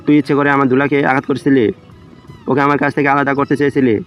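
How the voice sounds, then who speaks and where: Vengeful, passionate young lover played by a male narrator for romantic audio drama, even pitch, music underneath. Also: quick pace, lightly acted. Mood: furious, threatening. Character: furious, possessive young man in love. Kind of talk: romantic audio story acting.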